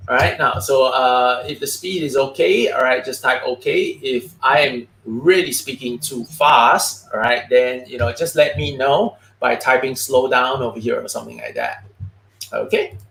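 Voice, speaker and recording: A man hosting a live investing stream, chatty and quick, filling his talk with "okay" and "all right". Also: mid-range voice, gravelly, a bit bright. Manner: chatty, many "okay, all right" fillers, fast talking. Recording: roomy echo.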